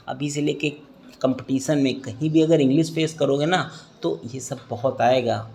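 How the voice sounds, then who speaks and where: A man's voice: mid-range voice, vocal fry. A man in his thirties with a Hindi accent, teaching an English grammar lesson to students. He is patient, repeats key points and checks in with the class often.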